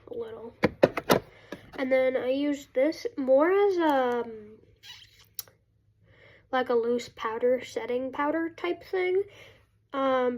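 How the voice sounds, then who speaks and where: A woman vlogging casually as a beauty vlogger, congested with a cold and breathing through her mouth, talking in a halting, self-interrupting way. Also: high voice, darkish tone, dull audio, slight background noise. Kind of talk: casual chat to camera.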